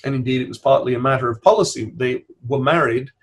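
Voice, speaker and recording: A man moderating a panel discussion, speaking in a measured way and inviting guests to share. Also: medium pitch.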